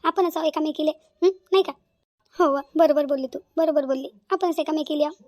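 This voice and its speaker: Woman voicing a fond, quick elder sister-in-law. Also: sits high, steady tone, a little mellow, dry recording, clean studio sound, close to an everyday voice. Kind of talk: cartoon voice acting.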